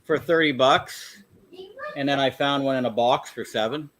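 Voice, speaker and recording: A man's voice: mid-range voice, normal speed, fairly bright tone. This is a man hosting a laid-back livestream about his comic collection. He speaks in an ordinary, mid-range voice, but he hesitates a lot, stammering and restarting his sentences as he goes. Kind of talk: casual chat.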